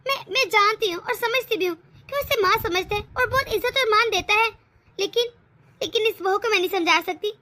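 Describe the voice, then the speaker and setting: A woman's voice: extremely high pitch, a little fast, sharp tone. A woman voicing a worried elderly mother-in-law who broods and frets over her family in a cartoon story. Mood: fretful. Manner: brooding, fretful.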